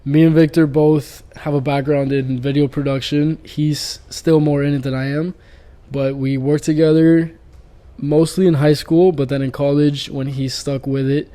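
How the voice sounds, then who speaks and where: Young man hosting a podcast, mellow tone. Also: on the high side, little pitch movement, moderate pace. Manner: joking, teasing. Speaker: podcast host. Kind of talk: casual podcast chat. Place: home living room.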